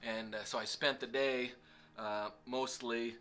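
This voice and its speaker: A man's voice: medium pitch, steady tone, a little slow, bright, forceful tone, faint music behind. A middle-aged man casually telling a self-deprecating story with lots of fillers. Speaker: vlog host.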